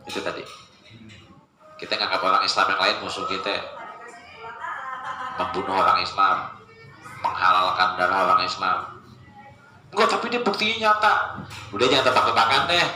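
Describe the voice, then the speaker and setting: A man giving a casual religious study lecture, joking and animated, mimicking voices as he quotes people. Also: deep voice. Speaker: Islamic preacher. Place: lecture space with a live gathering. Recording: echoey room with ambient noise.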